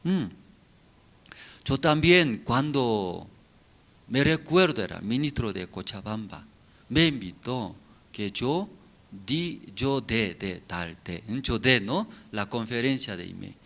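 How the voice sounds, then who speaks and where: A male pastor with a foreign accent in his Spanish, preaching slowly and often checking in with his congregation. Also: mid-range voice, lively intonation, vocal fry, fairly bright tone. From outside Bolivia. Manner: slow, halting, constantly checking in with the listeners. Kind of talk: sermon to a congregation.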